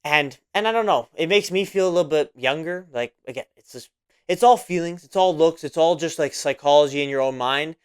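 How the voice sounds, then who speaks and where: A man's voice: a little high, brisk, clean tone. A man of about twenty hosting a casual solo podcast monologue, rambling and repeating himself with many fillers. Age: 20s. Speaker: podcast host.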